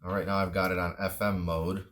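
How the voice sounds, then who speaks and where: Briskly and with little pitch movement, a low-voiced man offers an off-the-cuff product review in a slightly bright tone. He's understated, matter-of-fact, and somewhat tentative, like someone chatting casually without a script.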